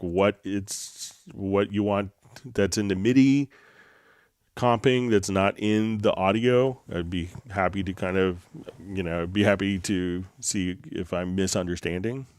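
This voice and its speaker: A man with a deep, low magnetic voice and a slight cold, explaining software casually and haltingly as a livestream host. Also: steady tone, no room sound, studio quality. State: getting over a slight cold. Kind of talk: casual tutorial livestream talk. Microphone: close microphone straight into mixer.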